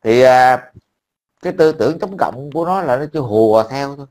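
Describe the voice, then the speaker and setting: Man, mid-pitched, crude and mocking commentator. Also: animated, a little fast, darkish tone. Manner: blunt, profane and mocking, with frequent laughs. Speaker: online commentator. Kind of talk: casual talk to a friend.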